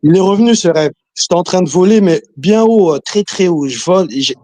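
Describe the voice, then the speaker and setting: A man's voice: high-pitched, lively intonation, fairly quick, darkish tone, dry recording. Hesitant man chatting over a video call. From Congo. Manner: hesitant, many restarts and fillers, chuckling. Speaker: caller. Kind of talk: casual chat.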